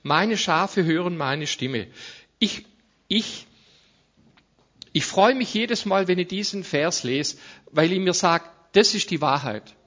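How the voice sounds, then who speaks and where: Preacher, lo-fi sound. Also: male voice, high-pitched, slow, pauses often, a bit bright. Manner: conversational, with tag questions and restarts. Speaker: guest preacher. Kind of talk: sermon. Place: church service.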